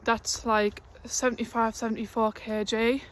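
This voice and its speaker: Filming herself on a phone at arm's length, a twenty-year-old fitness vlogger chats casually as she climbs a hill, a bit breathless and full of fillers and laughs. Her voice is a little high, level in tone, at a moderate pace.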